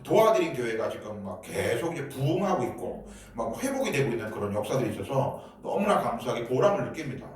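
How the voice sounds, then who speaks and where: A man's voice: mid-range voice, very animated, quick pace, hardly any pauses. A pastor in his fifties from Seoul, preaching a humorous, chatty sermon and mixing in a Gyeongsang dialect. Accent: Gyeongsang dialect mixed with Seoul speech. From Seoul, South Korea. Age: 50s. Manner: humorous, chatty, joking with the congregation. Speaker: guest pastor. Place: church sanctuary. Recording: very echoey church, from far off.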